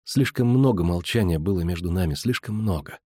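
A man voicing a commanding sorceress in an audiobook, speaking softly but firmly. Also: sits low, expressive, a little fast, husky, no room sound, studio quality. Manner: soft, firm.

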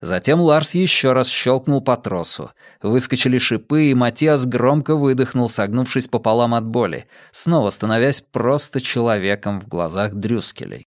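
A man reading a dramatic audiobook in a steady, measured narrating voice. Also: mid-range voice, no room sound, clean studio sound. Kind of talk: scripted narration.

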